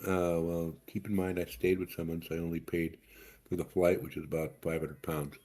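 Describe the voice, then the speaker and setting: A man's voice: low-pitched, level tone, normal speed, mellow. A middle-aged man, a guest in a casual chat, giving dry, understated replies.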